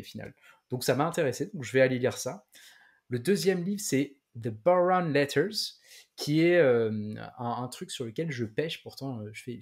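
A man's voice: mid-range voice, a little mellow. A man co-hosting a casual tech podcast chat. He hesitates often, using fillers and stopping to restart his sentences as he talks. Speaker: podcast co-host.

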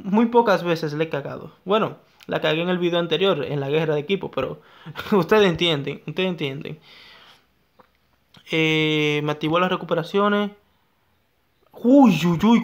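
A young man giving excitable live gameplay commentary, talking to himself and his viewers and repeating his phrases. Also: a little high, normal speed, creaky. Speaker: gaming YouTuber.

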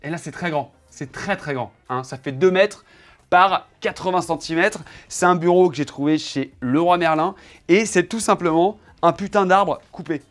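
A man's voice: fairly high pitch, normal speed. A man in his home office chatting casually to camera, showing off his setup and teasing his cameraman in a playful, joking way.

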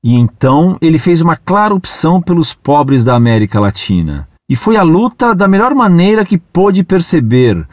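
Man reading a letter with lively pitch. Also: no room sound, muffled recording. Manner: measured, deliberate reading with falling phrase ends. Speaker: reader of a listener's letter.

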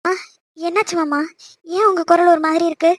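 A woman's voice: very high-pitched, fairly even intonation, brisk, dry recording, studio quality. A woman voicing a frightened young cartoon woman. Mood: worried. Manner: soft, anxious, pleading. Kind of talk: amateur cartoon dubbing.

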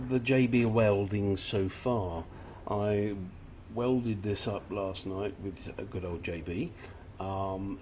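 A fairly low, warm voice belongs to an older, sniffly-nosed man who restores engines as a hobby. Standing in his cluttered home garage workshop, he offers a casual, blunt and chatty walkthrough with plenty of self-deprecation, over a little hiss or hum.

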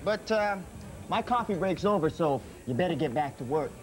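A man's voice: fairly high pitch, lively intonation, moderate pace, over music, lightly acted. An actor playing a cocky young diner worker who teases his friend over a bet, in a sitcom. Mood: gloating. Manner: smug, teasing. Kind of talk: sitcom acting.

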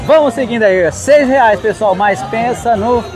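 A man's voice: extremely high pitch, a little slow. A Brazilian man hosting a vlog, giving casual, enthusiastic commentary to his viewers as he walks through a market. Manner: enthusiastic, addressing viewers directly. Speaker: vlog host. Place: outdoor street market. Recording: busy street crowd and traffic noise. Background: market crowd, vehicles.

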